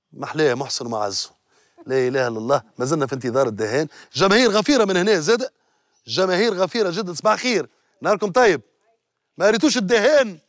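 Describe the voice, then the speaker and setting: A man's voice: high-pitched, dry recording. A man with a Tunisian accent, hosting a TV show outdoors and bantering playfully with a street crowd. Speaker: TV show host.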